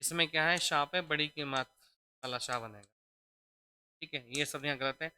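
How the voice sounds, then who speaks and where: A man's voice: a little high, steady tone, a little fast, pushed and bright, a little hiss or hum. A man teaching a spelling lesson for exam preparation. He explains step by step, repeats each word, and keeps checking in with his students. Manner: addresses students fondly as children.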